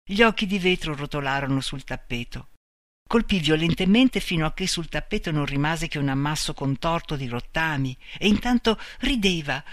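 A man narrating a story in a measured, expressive reading. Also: a little high, dry recording.

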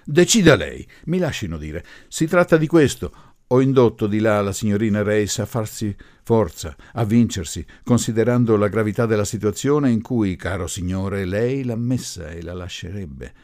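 A man voicing a forceful middle-aged professor who speaks loudly and imperiously. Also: on the low side, normal speed, few pauses, voice pushed up, natural voice. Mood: insistent. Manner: imperious, insistent, loud.

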